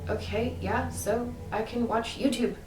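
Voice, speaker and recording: Over music, an adult woman vlogger talks casually about her own choices in an opinion monologue. Her voice is on the high side and a little slow, animated and emphatic with lots of fillers and rising bursts of emphasis. The room is echoey, the mic distant, and there's background noise.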